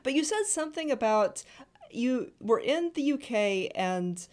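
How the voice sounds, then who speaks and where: Woman author, teasing, laughing, wide-ranging pitch, casual podcast. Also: animated, unhurried, darkish tone.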